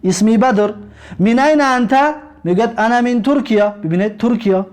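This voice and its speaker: Casting note: male teacher with a Tajik accent and a high voice, patient and repetitive, recorded lesson. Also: a little mellow. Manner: explains words slowly, repeats and translates them. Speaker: language teacher. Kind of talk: recorded lesson explaining textbook exercises.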